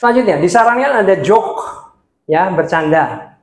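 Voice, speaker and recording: A man with a touch, teaching beginners how to preach in a lively workshop style, swinging his pitch up and down and laughing often. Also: normal speed. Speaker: preaching trainer. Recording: echoey room sound.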